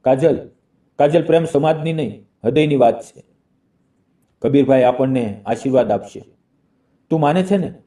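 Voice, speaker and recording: A kind, poor young man speaks soft and tender promises, voiced by a male narrator. The tone is very dark and mellow. The voice sits a little back from the microphone in this storybook reading. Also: mid-range voice, animated, moderate pace, long pauses, recorded from a distance, natural voice.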